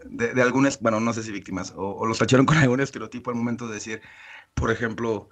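A man hosting a casual chat, asking halting questions and joking. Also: medium pitch, steady tone, a bit bright.

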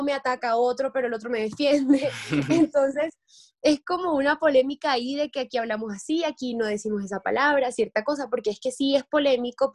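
A young woman from Colombia's Caribbean coast, a guest chatting casually and acting out quotes. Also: sits high. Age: young adult. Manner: chatty, quotes people in lively voices. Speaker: guest, content creator. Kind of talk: casual interview chat.

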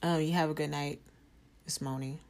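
A woman's voice: low-pitched, steady tone, normal speed, gravelly, a little mellow. A woman rambling casually and profanely on her solo podcast, talking with candy in her mouth. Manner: rambling, profane, laid-back. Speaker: podcast host.

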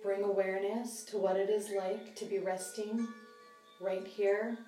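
Gentle directions and long silences mark this woman's guided body scan, spoken softly and mellowly at a medium, level pitch. Background music accompanies her, and the sound is roomy, as if she sits a bit back from the microphone.

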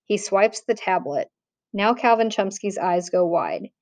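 A woman reading a novel aloud in a plain, measured way, with small restarts. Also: medium pitch, animated, no room sound. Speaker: audiobook narrator. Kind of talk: audiobook reading.

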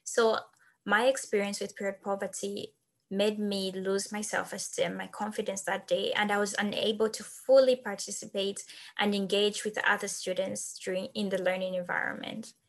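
A woman's voice: mid-range voice, normal speed. A woman in her twenties from Zambia, a podcast guest earnestly telling the story of founding her organization. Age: 20s. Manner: earnest, animated when recounting. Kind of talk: podcast interview, personal storytelling.

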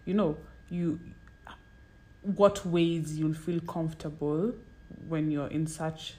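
A woman's voice: deep voice, fairly even intonation, slow, mellow, a little hiss or hum. A woman with a Kenyan accent in casual, reflective conversation, searching for her words and sometimes mixing in Swahili. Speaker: podcast co-host or guest.

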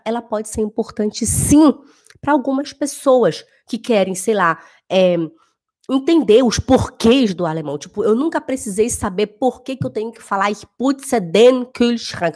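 A woman who teaches German speaks casually to her viewers in a high voice. She is emphatic and drives points home by repeating phrases. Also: a little mellow. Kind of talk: casual talk to camera.

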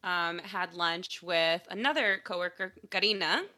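Slow-talking bright woman teacher. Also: fairly low pitch. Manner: giggly, chatty storyteller. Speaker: sixth grade English teacher. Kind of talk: casual chat.

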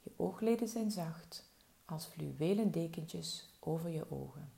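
Soft-spoken woman with a gravelly voice. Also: low-pitched, animated. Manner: slow, soft, soothing instructions. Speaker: relaxation guide. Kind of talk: guided body-relaxation meditation.

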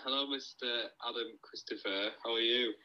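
A man's voice: mid-range voice, fairly even intonation, normal speed, sharp tone, echoey room, muffled recording. A man chatting casually on a call, heard through a phone speaker, laid-back and hesitant with lots of fillers. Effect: heard over a phone speaker. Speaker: podcast guest on a call. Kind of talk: casual chat.

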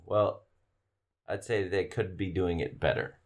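A man co-hosting a casual podcast as a coach, easygoing and quick to laugh. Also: deep voice. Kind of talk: casual chat.

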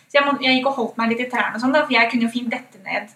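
A woman with a Norwegian accent, a podcast guest, telling a story in a casual, animated way with many fillers and quoted thoughts. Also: fairly high pitch. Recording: roomy, distant from mic.

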